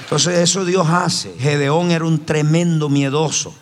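A man's voice: a little high, fairly even intonation, unhurried, a little hiss or hum. A man preaching a sermon as pastor, emphatic and repeating his phrases. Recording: long hall reverb.

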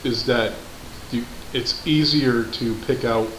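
A man's voice: mid-range voice, fairly even intonation, slow, fairly bright tone. A man with a New England accent co-hosting a casual podcast, rambling with many restarts and laughing easily. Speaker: podcast co-host. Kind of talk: casual chat. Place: garage. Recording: echoey room, background noise.

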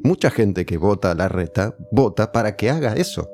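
Argentine man, guest, opinionated and wry, lowish voice, faint music behind. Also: expressive, moderate pace. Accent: Rioplatense Spanish. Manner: opinionated, sardonic, acts out other people's voices. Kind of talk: casual conversation.

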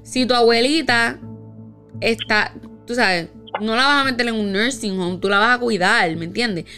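A woman tells a story from her own life in a loose, chatty way. Her voice sits a little high, and she slips into the voices of the people she quotes. Soft music plays faintly behind her. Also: moderate pace. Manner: animated, acts out quoted dialogue. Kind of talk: casual storytelling chat.

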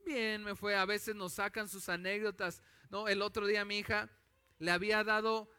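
A man's voice: high-pitched, level tone, normal speed, bright, forceful tone, smooth. A man with a Mexican accent preaching a conversational sermon as a pastor, telling family stories in a chatty, anecdotal way.

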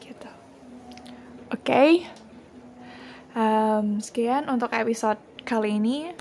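A young woman hosting a casual solo podcast, talking in a gentle, reassuring way and slipping English phrases into her speech. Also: on the high side, takes it slowly, slight background noise. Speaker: podcast host.

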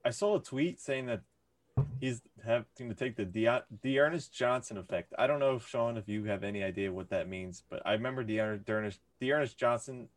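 A man's voice: medium pitch, moderate pace. A young man co-hosting a casual sports podcast, arguing his points and joking around. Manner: argumentative, jokey. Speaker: podcast co-host.

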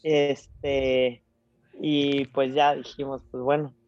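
A young woman with a Mexican accent telling a story in casual chat, slangy and animated, acting out bits of dialogue. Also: a bass voice, drawn-out words, lo-fi sound.

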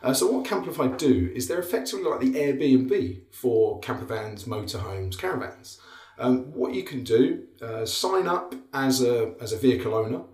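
A man's voice: medium pitch, expressive, moderate pace, a little mellow. A man with an Essex accent co-hosting a podcast in casual, dryly bantering chat. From Essex, England. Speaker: podcast co-host. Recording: roomy, echoey sound.

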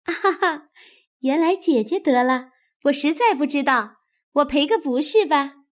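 A woman voicing a cheerful, chatty young maid with a quick, bright manner. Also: high-pitched, animated, pitched above the performer's own voice.

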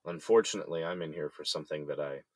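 Man as curt jailed man, very deep, husky. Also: fast talker, dry recording. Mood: guarded. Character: wary young male inmate, guarded. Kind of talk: audio drama acting.

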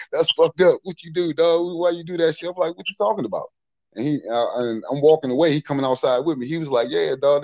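A man's voice: on the low side, darkish tone, dry recording, poor audio. A middle-aged man telling street stories in a casual, profane way, full of "you know what I'm saying.". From Maryland, USA. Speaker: podcast storyteller.

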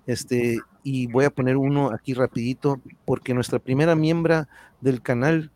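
A Mexican man hosts a livestream in a casual, conversational way. His pitch sits in a normal male middle range, and he speaks in slangy, thankful phrases, addressing his viewers directly. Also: steady tone, moderate pace, darkish tone, dry recording. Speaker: livestream channel host.

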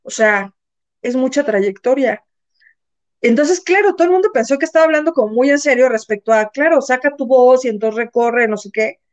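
This Mexican woman, high-voiced and at a moderate pace, runs a laid-back gossip chat where she spins animated stories, performs the quotes herself, and drops casual swears. Her audio comes across slightly dull and lo-fi.

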